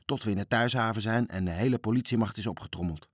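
A man's voice: on the low side, fast, slightly rough, dry recording, clean studio sound. Kromme Arie, a man doing a grim, menacing old sailor. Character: crooked old sailor, angry and threatening. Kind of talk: storybook voice acting.

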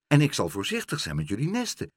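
A man voicing Pluk, a small eager boy in a storybook, talking in a hurried, urgent way. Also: mid-range voice, wildly swooping pitch, slightly rough, no echo, clean studio sound.

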